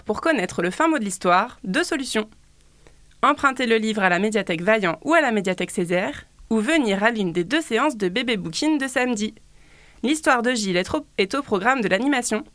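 A woman's voice: fairly high pitch, dry recording. A woman presenting children's books for a library, in a playful scripted style with teasing asides. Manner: reads children's book aloud with animated cries. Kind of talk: scripted radio book review.

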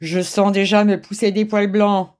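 A woman's voice: mid-range voice, level tone, moderate pace, a little mellow, lightly acted. A woman voicing a grumpy, proud old father cat in a storybook reading, with a grumbling manner.

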